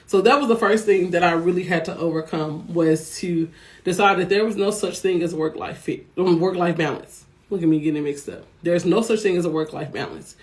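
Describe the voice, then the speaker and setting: A woman business coach talking casually from her office, chatty and encouraging, often checking in with her listeners. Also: fairly low pitch. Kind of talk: casual motivational talk to viewers.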